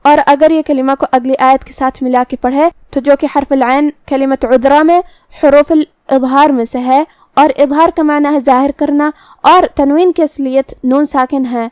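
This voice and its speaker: A woman teaching Quran recitation rules, explaining pronunciation in a slow, methodical and precise way. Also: sits high, darkish tone, no room sound, studio quality.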